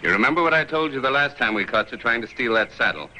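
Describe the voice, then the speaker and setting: A man's voice: medium pitch, lively intonation, quick pace, bright, forceful tone, a little hiss or hum, poor audio. An actor playing a stern, formal older banker lecturing his grown son.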